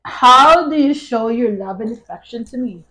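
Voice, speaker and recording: A woman chatting casually with her husband over a meal at home, laughing often, with her voice trailing off softly at the ends of phrases. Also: on the high side, animated, normal speed. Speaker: wife and vlog co-host. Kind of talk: casual mukbang chat while eating.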